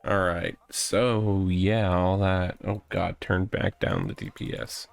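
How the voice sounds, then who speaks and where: A man with a deep, gravelly yet smooth voice speaks slowly with fairly even intonation. He hosts a let's play, muttering exclamations, reading game text aloud, and offering casual, wry commentary while game music plays.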